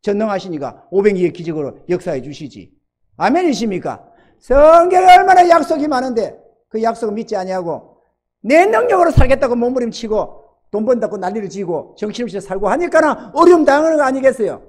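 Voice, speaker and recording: A man's voice: sits high, sing-song, brisk, a little mellow. A male pastor preaching a sermon, telling a story and acting out the prayers he quotes, and calling on the congregation for amens.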